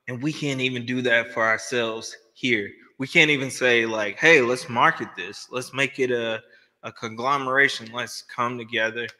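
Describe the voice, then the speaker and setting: A man's voice: medium pitch, sharp tone, in a large hall. A man from Louisiana in casual podcast chat, speaking earnestly and preachily. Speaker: podcast guest, musician.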